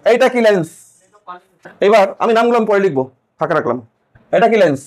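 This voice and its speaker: Physics teacher, male, high voice, lecturing and quizzing the class. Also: lively intonation, quick pace. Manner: questioning, repeats key points to students.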